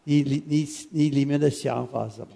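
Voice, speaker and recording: Gravelly-voiced male guest pastor. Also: medium pitch, fast talker, mellow. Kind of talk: prayer and sermon. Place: church.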